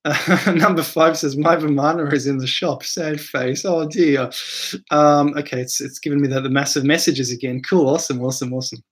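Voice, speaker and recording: A man with a fairly high voice hosts a casual live stream from home. He reads viewer questions out loud from the chat and answers them off the cuff. He rambles, repeating words and dropping in fillers. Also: steady tone, normal speed.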